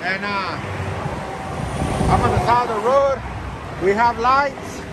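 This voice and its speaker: A man's voice: very high-pitched, slow pace. A man in his thirties, a truck driver, talking casually to his phone camera in a loose, rambling way. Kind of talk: casual vlog talk to camera. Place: truck cab at night, and outdoors by the truck. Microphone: phone camera held at arm's length. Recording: loud road and engine noise.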